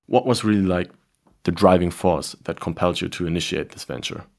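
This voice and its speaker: A man hosts an interview podcast and asks formal, scripted-sounding questions. His voice is deep and gravelly, with plenty of vocal fry. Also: fairly quick, darkish tone. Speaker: podcast host.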